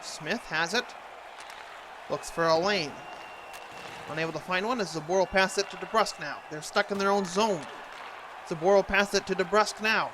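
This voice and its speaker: A man's voice: high voice, background noise. A man doing an impression of an earnest TV hockey play-by-play announcer, calling a video game in clipped present-tense phrases.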